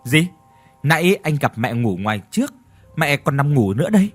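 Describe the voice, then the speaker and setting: A man voicing an eager younger village brother who asks quick questions. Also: fairly high pitch, sing-song, faint music behind.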